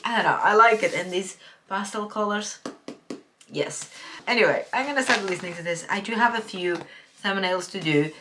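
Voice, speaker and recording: A woman with a slightly low-pitched voice chats casually in a book review vlog. She is candid and opinionated and breaks into lively exclamations when a book lets her down. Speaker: book vlogger.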